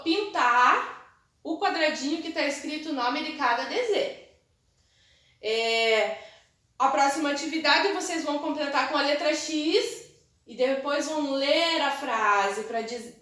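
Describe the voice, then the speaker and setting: A woman's voice: sits high, fairly bright tone. A Brazilian woman teaching a recorded video lesson to young children, explaining patiently and drawing out syllables, checking in with "tá?" and "né?". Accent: Brazilian Portuguese. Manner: patient, explains slowly, syllables drawn out, frequent "tá?" and "né?". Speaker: primary school teacher. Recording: very echoey room.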